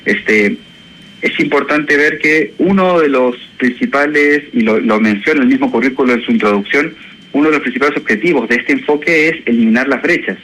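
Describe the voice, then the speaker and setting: A man's voice: medium pitch, fairly quick, a bit bright, low-quality recording. A man from Chile, an education professor speaking as a guest in a radio interview, thoughtful and hesitant, with many fillers. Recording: radio broadcast with faint noise.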